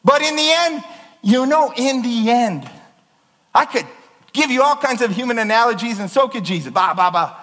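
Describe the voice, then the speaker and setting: A man preaching with fervent, emphatic force, his fairly high voice rising and falling in wide swings. His words ring out with a long reverb that fills a large church. He pushes hard on key words, nearly yelling. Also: lively intonation, moderate pace. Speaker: pastor. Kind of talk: sermon.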